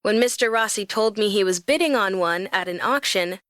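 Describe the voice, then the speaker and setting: Brief: young woman, romance audiobook narrator, lively and expressive, close dry read. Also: mid-range voice, moderate pace, no room sound.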